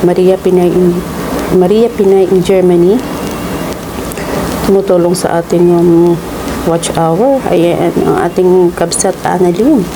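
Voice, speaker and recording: A Filipino woman vlogger chats casually in a slightly low voice. She speaks slowly and haltingly, leaving gaps between phrases. Clear ambient noise runs behind her. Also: fairly even intonation. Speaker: vlogger hosting a mukbang. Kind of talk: casual vlog chat with shout-outs.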